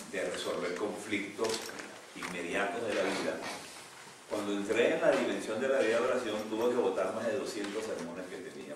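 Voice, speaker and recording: An older man, a pastor, preaching a sermon with animated swings between loud outbursts and hushed asides. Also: on the low side. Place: church sanctuary. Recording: echoey church from a distance, noisy.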